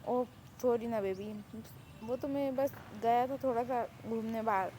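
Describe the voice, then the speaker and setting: Possessive vampire king played by a woman, teasing, quiet threats, fairly high voice, faint background noise. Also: a little slow, natural voice. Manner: teasing, calls her baby, low threats. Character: possessive male vampire king, smug, controlling. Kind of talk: Hindi fan-fiction audio story.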